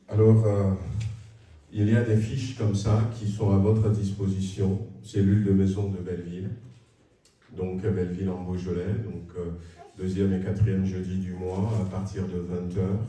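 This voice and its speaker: Man making church announcements, booming echo. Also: little pitch movement, unhurried, pauses often, warm tone. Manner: hesitant, many filler sounds, friendly with the audience. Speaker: church leader giving announcements. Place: large church hall, indoors. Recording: very echoey church hall, from far off.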